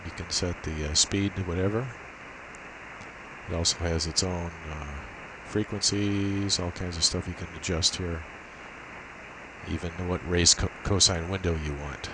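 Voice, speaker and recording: Thinking aloud and stopping now and then, a low-voiced man walks through his amateur radio setup in an informal screen demo. He uses his laptop's built-in microphone, and its cheap quality leaves a steady hiss.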